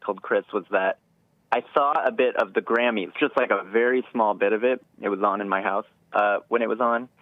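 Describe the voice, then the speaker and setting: A man's voice: lowish voice, steady tone, a little fast, no room sound. Male phone-in caller, casual and rambling, hesitant delivery, narrow dry telephone sound. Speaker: radio show caller. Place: phone call to a radio show. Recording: thin band-limited phone line.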